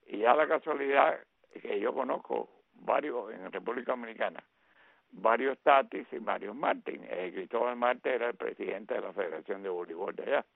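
A man with a very gravelly, husky voice chats casually about baseball as a radio co-host. The sound is dry and tinny, like a phone line. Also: fairly low pitch, normal speed, no room sound. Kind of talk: casual sports chat.

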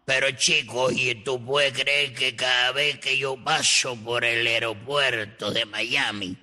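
A man voicing a sly trickster who drags out every slow, word-mangling wisecrack in a bright, sharp voice. The radio comedy sketch rings with long reverb. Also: medium pitch. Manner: mispronounces words, slow drawling wisecracks. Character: sly bumbling male rogue who mangles words. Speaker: defendant in a comic court.

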